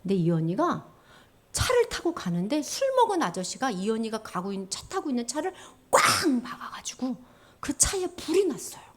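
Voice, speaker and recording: A woman preaching to children with a high, very lively voice that swoops up and down. She tells stories vividly and acts out the voices of the people in them. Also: normal speed. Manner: animated storytelling, acting out voices. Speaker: children's pastor. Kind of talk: children's sermon.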